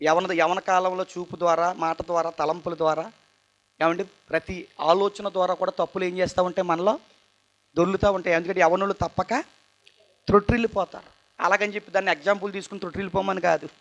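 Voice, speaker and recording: A young man telling his personal testimony at a church youth meeting, tired and earnest, his voice moving between loud bursts and quiet asides. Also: high voice, little pitch movement, a little fast, muffled recording. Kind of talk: emotional testimony sermon.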